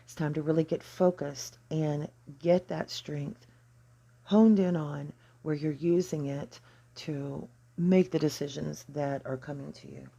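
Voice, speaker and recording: Explaining a card reading for an astrology channel, the host speaks slowly and carefully with pauses between phrases. A gravelly creak runs through the mellow, husky, mid-range voice, and the intonation stays fairly even.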